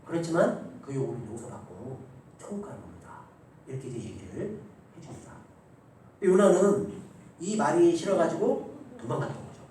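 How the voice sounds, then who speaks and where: A man preaching a Sunday sermon in a church sanctuary, with a lively voice that rises and falls a great deal. His voice is slightly higher than most men's. He is heard from a distance in a very echoey room with faint hiss underneath. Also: brisk, long pauses. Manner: animated, acts out the voices of the people in his stories; congregation joins in reading scripture aloud. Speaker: pastor.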